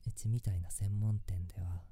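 A woman playing a gentle co-sleeping attendant in an ASMR role-play, with breathy, intimate, soothing pillow talk. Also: extremely low pitch, steady tone, normal speed. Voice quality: breathy, hushed. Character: gentle, soft-spoken co-sleeping shop attendant.

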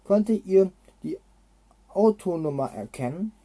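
A puzzled police inspector, read by a man in a storybook. His voice is very dark and mellow. He speaks slowly and plainly. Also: sits high, animated.

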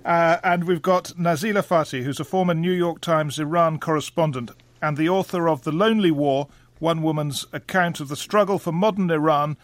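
A man hosts a studio panel discussion, his voice sitting a little high for a man. He is wry and conversational, chuckling between questions. The room is dry and close. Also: normal speed, no echo. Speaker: radio panel host.

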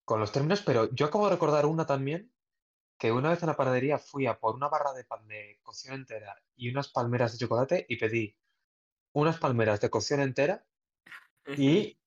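A man's voice: mid-range voice, brisk. Muffled man telling a self-deprecating story. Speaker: podcast co-host. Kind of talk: casual chat, telling an anecdote.

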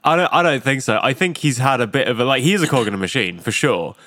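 A man's voice: mid-range voice, animated, quick pace, pushed and bright, no echo, clean studio sound. A man in casual comedic banter, sardonic and laughing often.

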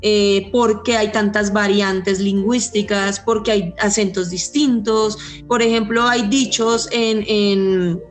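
A woman's voice: medium pitch, steady tone, slow pace, few pauses, faint music behind. A woman from Colombia with a Colombian accent, an English teacher explaining her view fluently and earnestly with examples. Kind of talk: explanatory panel answer.

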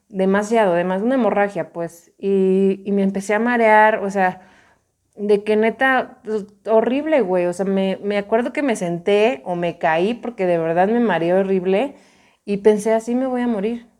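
Her mid-range, warm voice carries a Mexican accent as this young woman relates a personal story. The telling is casual and emphatic, laced with slang and frequent repetition.

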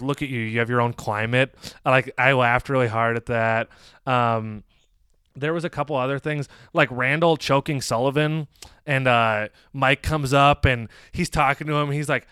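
A man in his twenties co-hosting a casual movie review podcast, rambling with lots of fillers and getting animated when retelling jokes. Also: mid-range voice, smooth, dry recording, studio quality. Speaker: podcast co-host.

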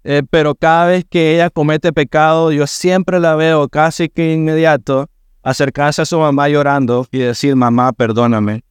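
Middle-aged male pastor, sermon, smooth resonant voice, dry close sound, earnest and emphatic. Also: a little high, fairly even intonation, moderate pace, no room sound. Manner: earnest, rising to emphatic preaching.

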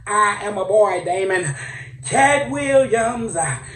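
A man voicing a fiery mock preacher in a parody sermon, with a whooping, drawn-out preacher cadence. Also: high voice, expressive, a bit bright, voice pushed up, full character voice. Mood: rousing preaching. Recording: roomy, distant from mic.

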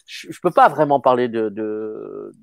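A man in his fifties, an actor talking casually in an interview, often halting and repeating words. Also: lowish voice, lively intonation, creaky, no echo, studio quality. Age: 50s. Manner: halting, stammering repetitions. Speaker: actor guest.

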